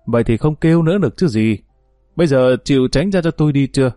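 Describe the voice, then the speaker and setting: A man voicing a sharp-tongued young widowed woman who speaks bluntly and indignantly. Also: mid-range voice, expressive, fast, no room sound, studio quality, soft background music, natural voice. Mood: defiant.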